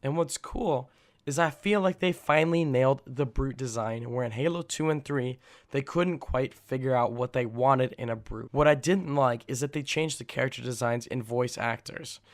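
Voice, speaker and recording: A young man speaks with a raspy voice that sounds worn by illness. He gives casual gaming commentary straight to his viewers, earnest and full of opinions, at a medium pitch. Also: normal speed. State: sick, rough voice. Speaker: gaming video creator.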